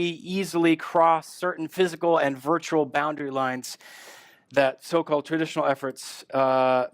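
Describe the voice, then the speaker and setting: A man's voice: fairly high pitch, dry recording. Man giving a conference talk, dry sound. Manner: relaxed, self-deprecating humor. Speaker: conference speaker. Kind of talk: conference lecture. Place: conference hall.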